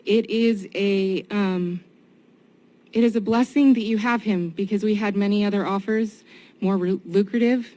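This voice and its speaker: A woman giving public comment and answering questions, sincere and somewhat halting. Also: mid-range voice, fairly even intonation, mellow. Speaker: citizen giving public comment at a county meeting. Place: indoor public meeting room. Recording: noisy meeting room ambience.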